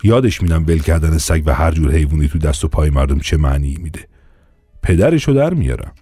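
A man's voice: very deep voice, lively intonation, mellow, husky, no echo, soft background music, voice pushed down, full character voice. A man voicing a pompous, bullying police inspector in an audiobook, blustering and commanding. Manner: blustering, commanding, quick to turn. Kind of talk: audiobook character voice.

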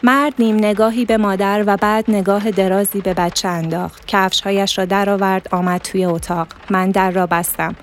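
A woman reading a literary story aloud as narrator, in a steady, measured manner. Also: medium pitch, a little hiss or hum.

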